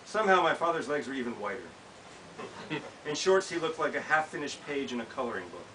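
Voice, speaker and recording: A fast-talking American man in his thirties, with a slightly high, expressive voice, reads his own personal essay live in a small bookshop. A camera several feet away records him, and the distant sound carries background hiss.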